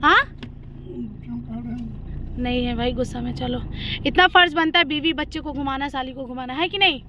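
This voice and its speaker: Outdoors at a crowded fair, with crowd noise and traffic in the background, a young vlogger films her family trip and talks to her phone in a relaxed, teasing, playful way. Her voice is high-pitched with a sharp tone, at a moderate pace.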